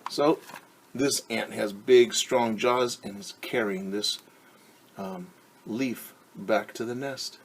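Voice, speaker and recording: During a children's story time, a male teacher slowly reads a picture book, his lowish voice set against slight hiss or hum. He pauses to define words, quizzes the little listeners, and adds fun sound effects along the way.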